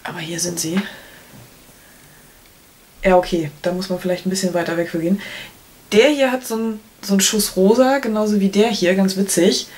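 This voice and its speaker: A woman in her thirties talks through products in a casual, chatty way. Her pitch is average and she drops in playful asides. She is recorded at home in a small room, with noise behind her. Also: quick pace, darkish tone. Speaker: beauty vlogger. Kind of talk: casual product review chat to camera. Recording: clear background noise, clicks.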